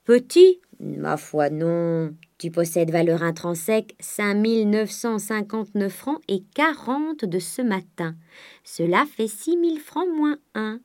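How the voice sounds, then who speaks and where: A woman's voice: mid-range voice, measured pace, voice pushed up, natural voice. A woman voicing a greedy, domineering old miser who alternately coaxes and blusters at his daughter. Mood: wheedling. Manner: wheedling then blustering.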